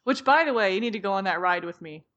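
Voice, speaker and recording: A young woman co-hosting a podcast in casual chat, giggly and excitable, with quick bursts of delight. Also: medium pitch, muffled recording. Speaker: podcast co-host.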